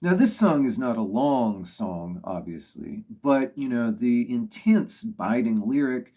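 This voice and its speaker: A man's voice: medium pitch, animated, unhurried, mellow. A man talking through his opinions on songs in a thoughtful, casual way, leaning on "you know" as he goes. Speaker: music reviewer. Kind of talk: casual spoken commentary.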